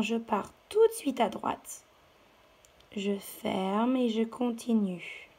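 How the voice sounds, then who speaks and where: A woman teacher walks young children through a handwriting lesson one step at a time. Her voice sits a little high and breathy, and she speaks slowly and patiently. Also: darkish tone. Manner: slow, patient step-by-step instruction.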